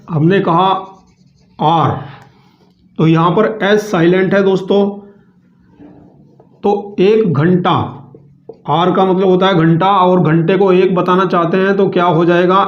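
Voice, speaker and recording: A male teacher giving a grammar lesson, who explains patiently, repeats himself slowly and keeps addressing viewers as friends. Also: high voice. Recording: echoey room, dull lo-fi sound.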